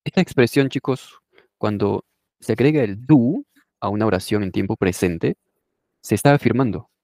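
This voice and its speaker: A man's voice: lowish voice, normal speed, a little mellow, no echo, studio quality. A man teaching an English class who explains in a conversational way and often checks in with his listeners. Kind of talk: explaining a lesson.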